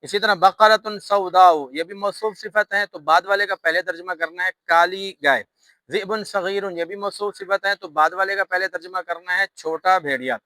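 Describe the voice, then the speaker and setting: A man's voice: high voice, steady tone, bright, forceful tone, no echo, rough recording. A man with a Pakistani Urdu accent teaching an Arabic lesson, patiently repeating each grammar rule step by step. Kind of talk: classroom lesson explaining grammar.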